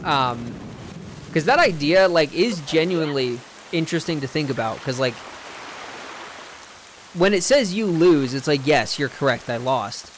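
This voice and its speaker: A man's voice: a little high, lively intonation, unhurried, long pauses, slight background noise. A young man streaming a game, rambling in casual chat and swearing freely. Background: game music.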